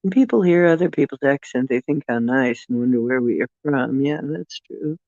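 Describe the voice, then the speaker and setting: A medium-pitched, slightly mellow voice at a moderate pace belongs to an older channel host with a Northeastern Ohio accent. He chats on a livestream casually and expressively, laughing often and trailing off with fillers, in a dry, muffled recording.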